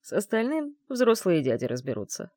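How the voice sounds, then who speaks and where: A woman's voice: medium pitch, wildly swooping pitch, normal speed, dark tone, no room sound. Cheeky smirking dragon guy, done by a woman, swoops around a lot, super dry sound. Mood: teasing. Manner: cheeky, offhand. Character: sly mocking male dragon in a mirror.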